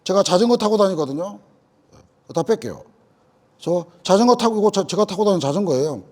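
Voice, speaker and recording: A man's voice: sits high, expressive, fairly quick, a little mellow. A middle-aged man lecturing farmers in a hall, telling folksy anecdotes and acting out what people said to him. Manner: folksy, tells anecdotes, acts out farmers' lines. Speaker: agricultural lecturer.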